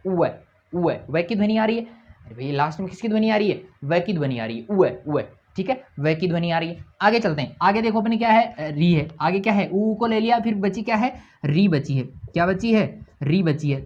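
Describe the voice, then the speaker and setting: A male teacher giving a grammar lesson for exam students, asking questions and answering them himself, repeating key points and spelling out sounds slowly. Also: sits high. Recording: dull lo-fi recording.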